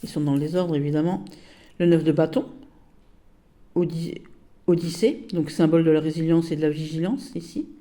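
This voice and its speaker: A woman's voice: low-pitched, steady tone, moderate pace, pauses often, dark tone. A woman at home giving a casual card-by-card review of a tarot deck, gushing and repeating her praise while stopping often to search for words.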